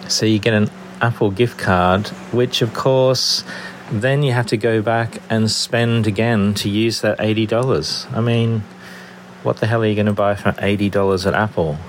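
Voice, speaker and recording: A listener with an Australian accent leaves a rambling, chatty voicemail, thinking aloud as he browses, which gets played back on a show. His voice is lowish and steady at normal speed, with a little hiss or hum.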